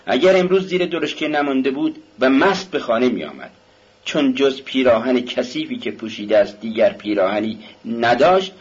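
A man reading an audiobook, voicing a bitter, sharp-tongued poor mother who is ill. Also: medium pitch, husky, dull audio.

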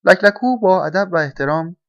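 A man reading a children's storybook aloud in a calm, measured way. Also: high voice, no room sound. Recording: dull, dry lo-fi recording.

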